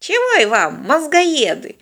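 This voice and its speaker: A woman reading an audiobook and voicing a scoffing, stubborn old hermit man, drawn out and higher than her own voice. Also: wildly swooping pitch, measured pace, a bit bright, full character voice. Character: cranky old hermit grandpa, mocking and stubborn.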